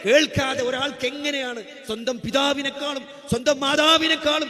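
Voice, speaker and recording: A man's voice: very high-pitched, bright, forceful tone, in a large hall. A man preaching a sermon, impassioned, repeating phrases and asking rhetorical questions. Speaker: Islamic preacher.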